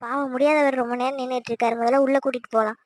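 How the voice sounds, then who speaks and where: Lady doing an anxious doting cartoon mother-in-law, high and rapid, dry sound. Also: little pitch movement, a little mellow, lightly acted. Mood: fussing. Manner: anxious, doting, many questions. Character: worried middle-aged mother-in-law, fussing. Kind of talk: cartoon voice acting.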